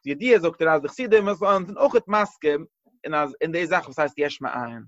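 A man teaching a Torah class in a slightly higher-than-usual voice, thinking aloud and restarting phrases as he explains. The sound is dry and close, with no room echo. The recording itself is a bit dull and muffled. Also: expressive, moderate pace. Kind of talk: religious class lecture.

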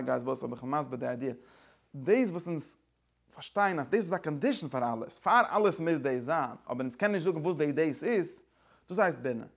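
A man's voice: a little high, gravelly. A man lecturing like a teacher, driving his explanation forward with repeated phrases and words from several languages.

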